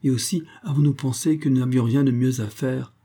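A man's voice: mid-range voice, fairly even intonation, brisk, dark tone, slightly rough, voice pushed up. A man doing a flustered timid maidservant. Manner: stammering, repeats "monsieur" anxiously. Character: flustered young female servant, timid and deferential.

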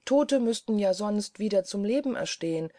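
A woman voicing a curious, earnest young woman who speaks quickly and eagerly. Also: medium pitch, lively intonation, mellow, dry recording, clean studio sound, close to an everyday voice.

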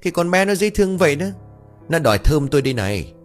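A man playing a kindly, stubborn village man near fifty who coaxes a child gently and bickers with his wife. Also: on the low side, animated, fairly quick, faint music behind, lightly acted. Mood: coaxing.

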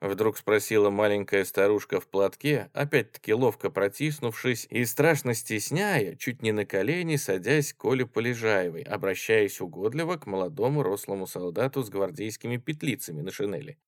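A man narrating a novel as an audiobook, with expressive, lively intonation. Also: on the low side, moderate pace, hardly any pauses, no room sound, clean studio sound.

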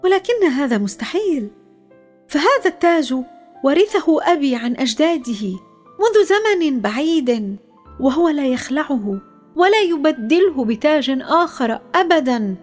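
A woman's voice: sits high, animated, normal speed, darkish tone, faint music behind. A woman voicing an eager young princess in a storybook, speaking in a pleading way. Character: young princess longing to fly. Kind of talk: storybook voice acting.

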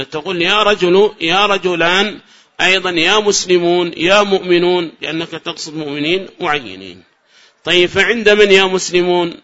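A male sheikh from Yemen teaches a class, his voice bright and slightly raised in pitch. He quizzes his students and drills each example slowly and with weight, repeating it and commending good answers. The recording sounds dull and lo-fi.

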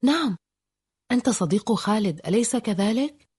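A woman's voice: medium pitch, expressive, normal speed, darkish tone, breathy edge. A woman voicing a cool, matter-of-fact young woman in a storybook reading. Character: cool, guarded young woman from the poor north.

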